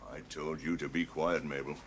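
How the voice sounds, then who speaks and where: Deep-voiced stern army sergeant. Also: male voice, little pitch movement, normal speed, slight background noise. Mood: commanding. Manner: blunt, authoritative, interrogating. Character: stern, commanding middle-aged army sergeant, a father. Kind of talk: television period drama acting.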